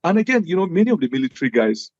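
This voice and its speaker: A man's voice: fairly high pitch, big pitch swings, rapid-fire, a little mellow, no room sound, dull audio. A man from Nigeria, a native Hausa speaker, speaks English with a Hausa accent in an earnest, emphatic interview style, repeating phrases for stress. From Jos, Nigeria. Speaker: interview guest, former government official.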